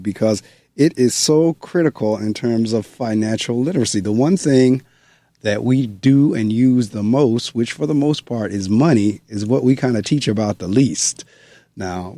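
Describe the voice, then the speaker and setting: A man's voice: lowish voice, warm tone, no echo. A middle-aged man, a school principal, hosting a radio book show and introducing his guest in a conversational way. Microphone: studio microphone.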